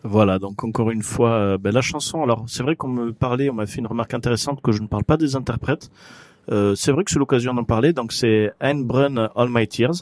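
A man's voice: medium pitch, a little fast, darkish tone, no echo. A man hosting a casual radio show about films, talking with many fillers and light jokes. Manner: hesitant, full of fillers, joking.

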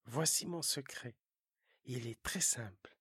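A narrator voicing a wise, patient fox in a whispered role-play, lower and slow. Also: breathy edge, no room sound, clean studio sound, exaggerated voice. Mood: tender. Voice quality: low, hushed, slow.

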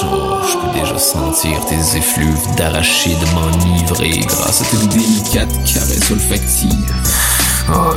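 A man voicing an excitable, gluttonous, scheming delivery courier in an animated comedy, with a hesitant, melodramatic way of talking. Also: sits low. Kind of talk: scripted animated comedy, narration and dialogue.

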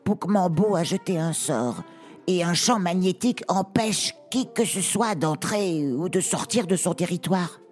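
A man's voice: sits high, measured pace, a little mellow, faint music behind, voice pushed up. A man voicing a small, timid young dragon in a storybook tale, talking in a shy, stammering way. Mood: sad. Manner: stammering, hesitant.

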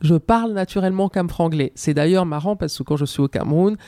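A woman's voice: on the low side, fast, warm tone, dry recording, studio quality. A woman speaking as a podcast guest, thoughtful and hesitant, often restarting her sentences. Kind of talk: podcast interview.

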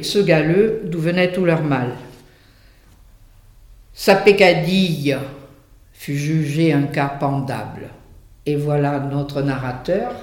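A high-voiced man walks students through a classic fable in verse, slowly and with animated emphasis on each word. His voice rings in an echoey room. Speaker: literature teacher.

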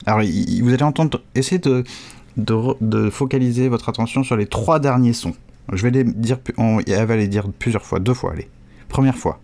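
A man giving a casual language lesson, talking in a halting way with many restarts and bits of slang. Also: mid-range voice, creaky, dark tone. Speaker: Chinese language teacher.

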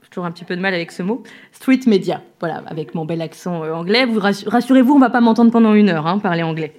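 A woman's voice: mid-range voice, very fast, a little mellow. A woman hosting a live event on stage, introducing jury members and guests in a chatty, self-deprecating way with many fillers. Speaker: event host. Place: event stage before an audience.

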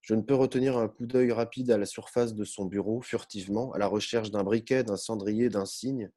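Mellow-voiced man reading a novel. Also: fairly low pitch, steady tone, moderate pace. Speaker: narrator. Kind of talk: first-person novel reading.

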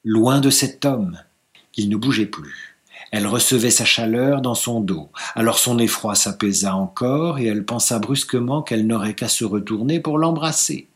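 A man reads a classic novel aloud in a medium-pitched voice. His delivery is measured and unhurried, storybook-style. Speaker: reader.

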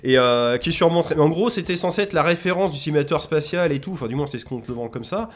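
Man, fast and animated, slightly high voice, casual ranting co-host. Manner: animated ranting with swearing and self-mockery. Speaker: podcast co-host. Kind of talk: casual chat.

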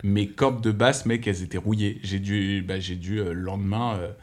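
A young man co-hosting a podcast in relaxed chat, rambling and correcting himself as he goes. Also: lowish voice, normal speed. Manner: rambling, self-correcting, laughs often. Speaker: podcast co-host, bassist. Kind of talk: casual chat.

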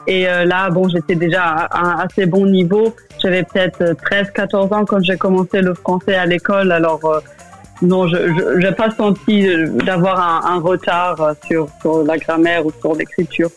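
A woman's voice: on the low side, steady tone, moderate pace. Young woman, German accent, hesitant, repeats words, faint music behind. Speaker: interview guest. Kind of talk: casual radio interview.

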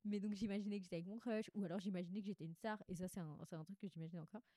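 A woman's voice: mid-range voice, steady tone, rapid-fire, dark tone, no echo, clean studio sound. Young woman with a stuffy nose. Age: 20s. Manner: candid, rambling, self-interrupting. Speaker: podcast host. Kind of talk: casual confessional monologue, chatty and slangy.

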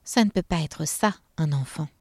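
A woman's voice: low voice, normal speed, creaky, a little mellow, no room sound, clean studio sound. A woman voicing a prim, disapproving female elf in a storybook tale. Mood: scandalized. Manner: prim, scandalized.

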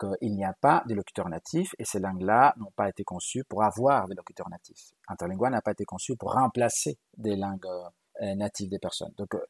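Husky Spanish-accented man, low voice. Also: no room sound. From Galicia, Spain. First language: Galician. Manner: thoughtful, hesitant with frequent fillers and restarts. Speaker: guest linguist. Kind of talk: conversational interview.

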